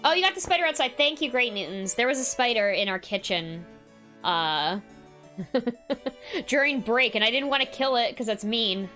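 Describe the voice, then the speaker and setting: Female game streamer: informal running commentary, lively intonation, bright tone. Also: a little high, moderate pace, soft background music. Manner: chatty, informal. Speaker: streamer reading a game aloud. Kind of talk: casual gameplay commentary.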